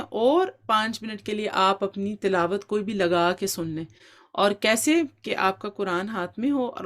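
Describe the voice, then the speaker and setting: A woman teaching an online Quran recitation lesson, quizzing her students and encouraging them, with English words mixed into her Urdu. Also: medium pitch. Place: online class.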